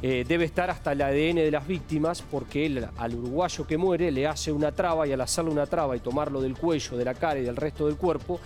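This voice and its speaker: In a studio, a male TV crime-news host with a Rioplatense Argentine accent delivers emphatic, indignant commentary. He talks fairly quickly with hardly any pauses, in a somewhat raised pitch and a darkish tone. Faint music plays behind him.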